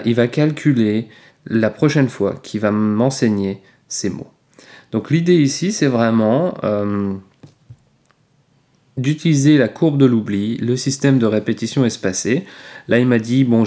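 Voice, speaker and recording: A man's voice: mid-range voice, warm tone. Patient French teacher man, roomy echo. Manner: patient, explanatory, frequent hesitations. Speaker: French teacher, channel host. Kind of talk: casual video lesson demonstrating an app.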